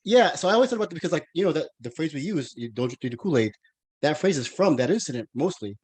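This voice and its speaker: A man's voice: a little high, lively intonation, quick pace, darkish tone, husky. Rambling American man hosting a podcast. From United States. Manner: rambling, many restarts and fillers. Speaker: podcast host. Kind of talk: casual interview chat.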